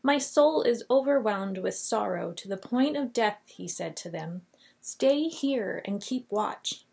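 A woman in her forties, her voice medium-pitched, gravelly, darkish and slightly rough, speaks expressively and a little slowly. She's giving a children's Bible lesson on webcam, dramatizing the story and reading from scripture. She sits at a desk in a small painted classroom office indoors.

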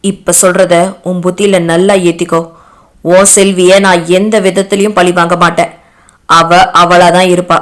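A woman's voice: lowish voice, flat delivery, normal speed, natural voice. A woman voicing a young man who speaks harshly and scornfully. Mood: threatening.

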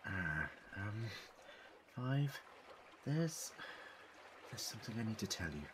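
A man's voice: on the low side, sing-song, slow pace, background noise. A man acting an earnest, inquisitive and apologetic time traveller in a fan-made audio drama, with a wordy, theatrical delivery. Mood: apologetic, hesitant.

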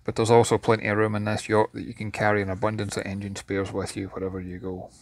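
A man's voice: on the low side, little pitch movement, fast, no echo. A man giving an enthusiastic walkthrough tour of a yacht's cabins and engine room, recorded inside the boat. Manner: enthusiastic, descriptive. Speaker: yacht reviewer.

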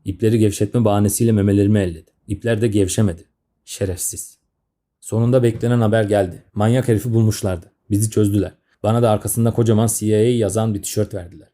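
A man in his thirties tells a comic story in the first person, grumbling and sardonic. His voice is low and very dark and mellow. He rushes through his sentences at a fast clip. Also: fairly even intonation. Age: 30s.

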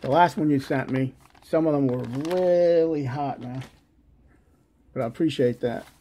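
A man with a New York accent talks slowly through an unboxing, with lots of hesitant fillers and a lozenge in his mouth. His voice is dark and mellow, and he speaks at an unhurried pace. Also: mid-range voice, a little hiss or hum. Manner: slow, halting, many uh fillers, relaxed. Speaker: lock-picking channel host. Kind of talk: casual unboxing chat.

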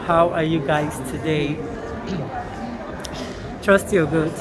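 Tired, slow-talking young woman vlogger. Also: deep voice, steady tone, crowd noise. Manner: hesitant, many ums and uhs. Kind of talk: casual vlog update. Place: large indoor hall. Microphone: phone at arm's length.

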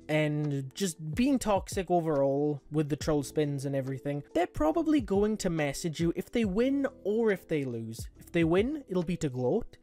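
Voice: medium pitch, dark tone. A gaming video narrator giving an informal, opinionated explanation as voice-over commentary.

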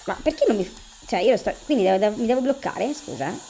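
A woman doing gameplay commentary, thinking out loud as she plays and talking to the characters. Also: medium pitch, animated, quick pace, gravelly, a little hiss or hum. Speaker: video game streamer. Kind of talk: gameplay commentary, reading game dialogue aloud. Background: video game music.

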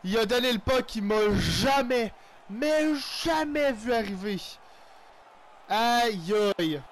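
Quebec French gamer guy, high voice, calls his own hockey game play by play, quick to shout. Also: a little hiss or hum. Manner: excitable, loud outbursts, sprinkles English exclamations. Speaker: gaming YouTuber.

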